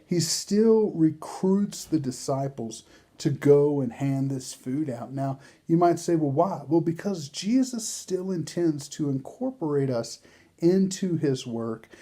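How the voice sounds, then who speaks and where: A man's voice: a little high, lively intonation, slow pace, dark tone. A man teaching a Bible study, reading verses aloud and acting out the dialogue in a conversational way.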